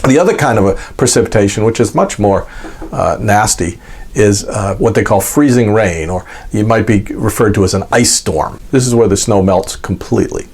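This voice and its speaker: An American man giving an informal, unscripted explanation in a halting, folksy way, repeating words as he goes. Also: on the low side, darkish tone, breathy edge. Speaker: host of an explainer vlog.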